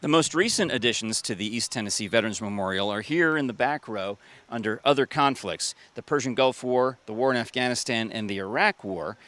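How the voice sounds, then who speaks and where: A man's voice: medium pitch, a little fast, fairly bright tone, no room sound. A man hosting a local TV feature outdoors in a city park, giving an upbeat, folksy tour-guide delivery. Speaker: TV host. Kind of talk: TV feature presenting.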